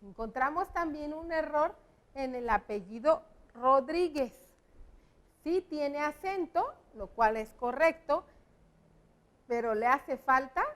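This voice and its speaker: A woman teaches young pupils. Her voice sits high and she talks at a slow, deliberate pace. She explains each point patiently and clearly. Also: fairly bright tone. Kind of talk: classroom lesson for children.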